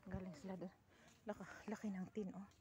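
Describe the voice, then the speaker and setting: A woman's voice: mid-range voice, level tone, a little fast, background noise. A woman vlogging outdoors on a farm hillside, chatting with her viewers and exclaiming often. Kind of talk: casual vlog chat to viewers.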